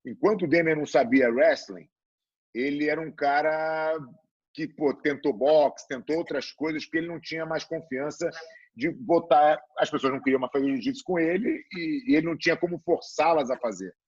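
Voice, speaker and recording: A Brazilian man hosting a casual interview, chatty and relaxed, with lots of fillers. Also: fairly high pitch, moderate pace, slightly rough, no room sound, muffled recording. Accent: Brazilian Portuguese.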